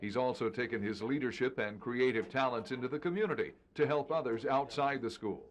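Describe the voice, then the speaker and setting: A man's voice: medium pitch, a little fast. A man reading scripted narration for a television news feature.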